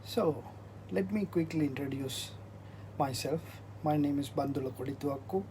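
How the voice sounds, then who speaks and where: A man from Sri Lanka, giving an earnest slide presentation and sales pitch, stressing key words. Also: noisy background. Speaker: product distributor presenting.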